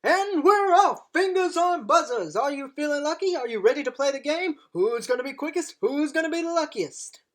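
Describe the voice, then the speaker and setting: A woman's voice: sits high, expressive, normal speed, few pauses. A woman playing an impassioned war veteran pleading for peace in a theatrical, rousing dramatic monologue. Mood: mocking showmanship. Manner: theatrical, swinging from hushed to shouted. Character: impassioned, unforgiving-yet-forgiving time-traveller war veteran pleading for peace.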